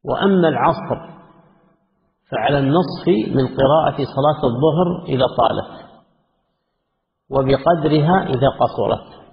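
A man giving a religious lesson, reading quoted passages from a classical text and explaining them in a measured way. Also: mid-range voice, gravelly. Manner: measured, reads quoted passages then comments. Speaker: Islamic scholar teaching a text. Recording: echoey hall, tinny phone-like lo-fi audio.

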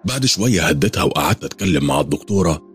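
A man's voice: rumbling low, animated, racing, a bit bright, faint music behind. A man with an Egyptian accent narrating a first-person horror story in a tense, confiding way.

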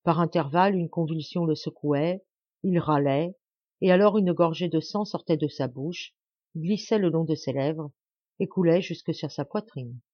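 A woman narrating an audiobook of a classic novel with an expressive, dramatic reading. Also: low-pitched, normal speed, no room sound, lo-fi sound.

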